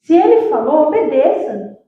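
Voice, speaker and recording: A high-voiced woman with a Brazilian accent gives a sermon with a personal testimony, telling her story in a lively way and speaking straight to the congregation. Her voice rings through a very echoey church hall, and the recording sounds dull and lo-fi. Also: moderate pace. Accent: Brazilian Portuguese. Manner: lively storytelling, acts out dialogue, addresses the congregation. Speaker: church worker preaching.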